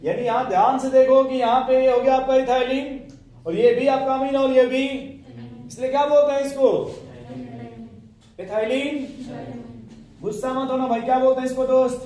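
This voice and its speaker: High-voiced teacher in an echoey classroom. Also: male voice, flat delivery, moderate pace, pauses often, dark tone. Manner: coaxing, asks students questions, jokes with them. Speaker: chemistry teacher. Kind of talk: classroom lecture. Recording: echoey classroom, mic from a distance.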